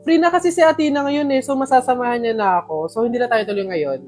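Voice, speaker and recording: A woman's voice: on the high side, quick pace, a little mellow, faint music behind, close to an everyday voice. A woman with a Filipino accent, acting out a dramatic, whiny young woman in comedy skits with exaggerated delivery. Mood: chatty. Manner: exaggerated, overdramatic skit acting.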